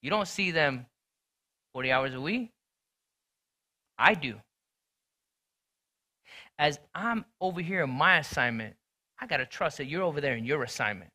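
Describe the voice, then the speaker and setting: A man preaching a sermon in a conversational, storytelling way, swinging between loud and hushed delivery. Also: a little high, expressive, normal speed, long pauses. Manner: conversational, storytelling with sports talk. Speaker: pastor.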